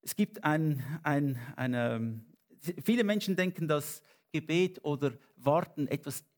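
A man preaching a sermon in German, earnest and pleading, with slow stressed phrases and lifts of emphasis. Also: on the high side. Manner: earnest, rising to emphatic peaks.

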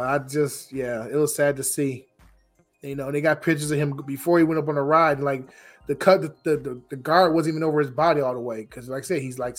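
A man hosting a casual podcast in a raspy, rough voice, hoarse from getting over a cold, talking informally with plenty of you-knows. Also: on the high side. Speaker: podcast host.

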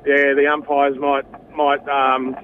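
An Australian man chatting casually as a radio interview guest, laid-back and matey with a halting delivery. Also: mid-range voice, completely flat delivery. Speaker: cricket association president, interview guest. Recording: dull lo-fi line, faint noise.

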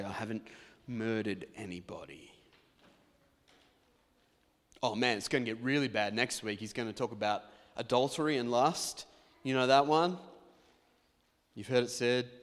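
A male pastor preaching a sermon in a conversational, self-deprecating way, with quick asides to the congregation. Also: on the low side, in a large hall. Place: church.

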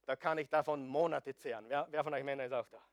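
A middle-aged man preaching a sermon, joking with the congregation and swinging between loud emphasis and hushed asides. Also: mid-range voice, fairly even intonation, fast talker, no room sound. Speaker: pastor.

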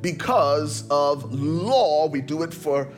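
A man's voice: fairly high pitch, lively intonation, slow pace, soft background music. A man from Liberia, preaching a sermon as pastor, emphatic and rhythmic, often repeating phrases.

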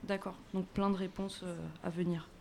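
A woman co-hosting a podcast before a live audience, introducing guests with playful, deadpan teasing. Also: mid-range voice, moderate pace. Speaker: podcast co-host.

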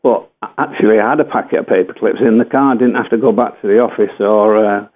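A man's voice: on the low side, fairly even intonation, brisk. An older English man, a former footballer, telling a rambling anecdote full of fillers and self-corrections. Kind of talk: anecdotal storytelling. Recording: tinny phone-like radio line.

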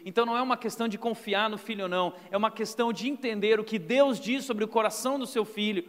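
A man with a Brazilian accent preaching a sermon, telling stories and acting out quotes in an animated way. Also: sits high. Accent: Brazilian Portuguese. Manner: animated storytelling with acted-out quotes. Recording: long hall reverb.

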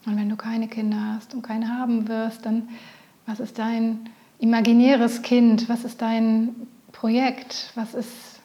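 Soft slow whispering meditation woman. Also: on the high side, completely flat delivery. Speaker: meditation guide. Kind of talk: guided meditation.

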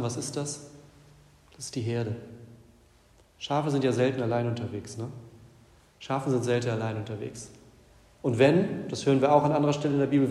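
A man's voice: mid-range voice, darkish tone. A man preaching a sermon as a pastor, talking in a conversational way with repeated phrases and little tag questions. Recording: echoey church hall with long reverb.

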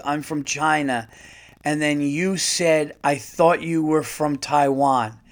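Man, podcast host, raised pitch, animated, laughing, blunt, profane, reading letters casually. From United States.

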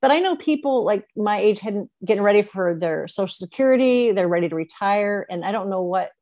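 A woman's voice: medium pitch, animated, a little fast, a little mellow. A woman in her sixties hosting a podcast, talking in a chatty, reflective way with many fillers. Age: 60s. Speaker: podcast host. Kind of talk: casual interview chat.

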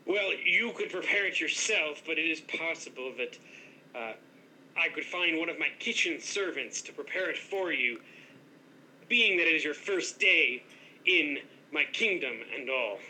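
An actor playing a pompous, condescending headless ghost who runs a hotel as self-styled master of an island, with a bright voice. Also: male voice, a little high, animated, unhurried, slight background noise, exaggerated voice, low-quality recording. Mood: haughty. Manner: haughty, grandiose, condescending. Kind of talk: improv comedy scene.

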